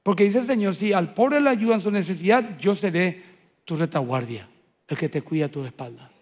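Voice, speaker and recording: A male pastor delivers an animated sermon in a fairly high voice. He swings between loud, emphatic bursts and soft, hushed lines. The sound rings with the long reverb of a large church hall. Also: brisk. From Paraguay. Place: church auditorium.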